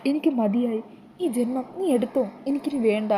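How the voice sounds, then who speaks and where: A woman's voice: a little high, fairly quick, dark tone, slight background noise, pitched above the performer's own voice, close to an everyday voice. A woman voicing a young woman who pleads with her mother in tears, in a retold TV serial. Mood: tearful pleading. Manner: pleading, distraught.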